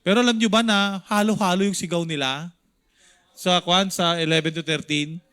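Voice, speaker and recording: A male pastor with a Filipino accent teaching a Sunday school sermon, animated and acting out the crowd's shouts, slipping English lines into his talk. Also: high-pitched, normal speed, smooth.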